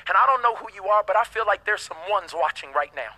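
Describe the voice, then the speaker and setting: High, bright-voiced preaching man. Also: lively intonation, quick pace, rough recording. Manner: emphatic call-and-response preaching; casual slangy asides. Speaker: pastor. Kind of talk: sermon.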